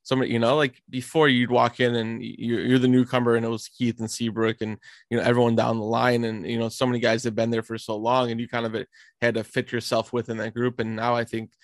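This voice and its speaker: Halting mid-voiced man, dry sound. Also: medium pitch, level tone, dry recording. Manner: halting, many restarts and fillers. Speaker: hockey reporter and podcast co-host. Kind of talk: casual sports chat.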